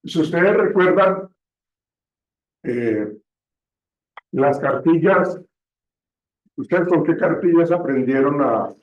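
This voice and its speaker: Male teacher lecturing slowly, keeps checking in with the class, kinda high voice, dull distant recording. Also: animated. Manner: slow, checks understanding with frequent "¿sí?". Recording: echoey room, distant mic, dull sound.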